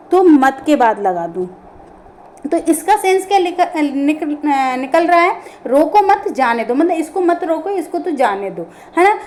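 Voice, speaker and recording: A woman's voice: high voice, darkish tone. A woman teaching an online grammar class, explaining step by step and answering her own questions.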